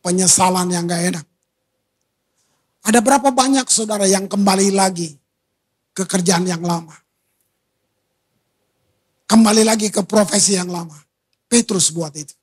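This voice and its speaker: A man preaching a sermon in a church, conversational, switching between slow emphatic phrases and quick asides. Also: high-pitched, husky. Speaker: pastor.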